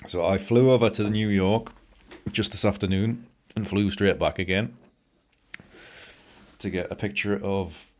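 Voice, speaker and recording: A middle-aged man from Britain, with a British English accent, hosts a laid-back live stream from his home studio room, joking and greeting viewers by name as he edits photos. His voice is on the low side, fairly even and unhurried, a little mellow and a bit tired, with a little hiss or hum in the audio.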